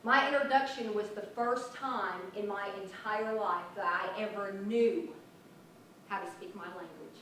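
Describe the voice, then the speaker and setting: A woman's voice: mid-range voice, measured pace, a bit bright. A woman in her late forties giving a chatty, enthusiastic conference presentation about a youth prevention program. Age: 40s. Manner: chatty, self-deprecating, enthusiastic. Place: conference room. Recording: echoey hall from far off, faint noise.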